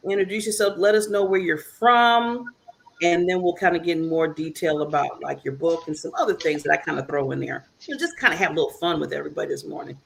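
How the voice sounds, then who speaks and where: Chatty woman host with a gravelly edge. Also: low-pitched, quick pace. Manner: warm, chatty, laughing often. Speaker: talk show host. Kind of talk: casual online talk show hosting.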